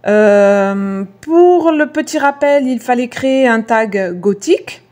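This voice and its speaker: A woman with a fairly high voice narrates her crafting in a relaxed, unhurried way. She speaks to her viewers directly and warmly, hesitating often and filling gaps with small filler sounds. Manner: friendly, addresses viewers directly. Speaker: craft video creator. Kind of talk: chatty crafting voice-over.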